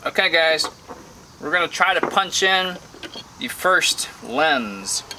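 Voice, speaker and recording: A man's voice: on the high side, animated, slow pace, bright, forceful tone, a little hiss or hum. A man talking casually through a bone carving project in his workshop, thinking aloud with frequent fillers. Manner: thinking aloud with many "um"s, upbeat when things work.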